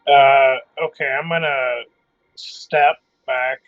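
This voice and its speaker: A man playing a tabletop game, halting as he says what he does step by step. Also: mid-range voice, fairly even intonation, fairly bright tone, no room sound, highs cut off, soft background music. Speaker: player. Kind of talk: casual tabletop play.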